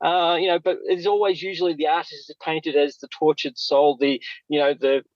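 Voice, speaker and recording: A man co-hosting a podcast chats casually, rambling hesitantly and circling back over what he's said. His voice is on the high side and flat, his pace a little fast, and the slightly dull recording has no echo.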